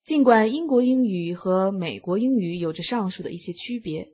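A woman narrating a scripted lesson, reading each example word on its own in a measured way. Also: medium pitch, expressive, warm tone, slightly rough. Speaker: English teacher.

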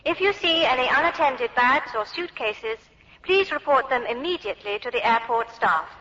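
Formal adult airport announcer, measured delivery, long echo, muffled course recording. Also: female voice, high-pitched, animated, pushed and bright. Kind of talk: scripted public address announcements. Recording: muffled echoey hall.

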